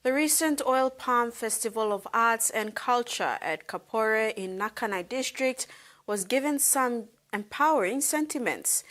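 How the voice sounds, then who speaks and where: A woman news anchor reading scripted news items with crisp studio delivery. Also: fairly high pitch, lively intonation, a little slow, a bit bright.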